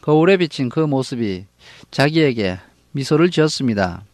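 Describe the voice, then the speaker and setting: A man from Korea teaching an English novel, reading each line slowly and then translating it. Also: mid-range voice, lively intonation, darkish tone, dry recording, clean studio sound. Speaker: English book lecturer.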